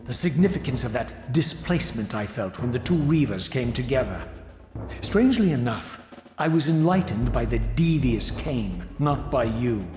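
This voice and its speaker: An actor playing a defiant, bitter undead wraith in a video game, speaking formally with proud scorn. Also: male voice, mid-range voice, expressive, moderate pace, darkish tone, natural voice. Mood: scornful, resolute. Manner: sardonic, scornful, theatrical formal speech. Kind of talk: dramatic video game voice acting. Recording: echoey hall reverb, music behind.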